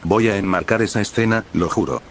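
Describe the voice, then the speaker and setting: Man doing a smug laid-back young male villain, calm teasing delivery, low register. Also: brisk, a little hiss or hum, natural voice. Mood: amused.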